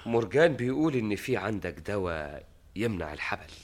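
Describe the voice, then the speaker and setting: An Egyptian-accented man playing an impulsive, anxious adventurer king in a theatrical fantasy drama, with an urgent, excitable manner. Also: fairly low pitch, brisk. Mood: worried.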